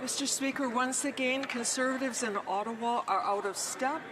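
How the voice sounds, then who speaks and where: A woman's voice: high-pitched, moderate pace, noisy background. A woman replying as a government minister in a parliamentary debate. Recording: distant mic amid loud crowd.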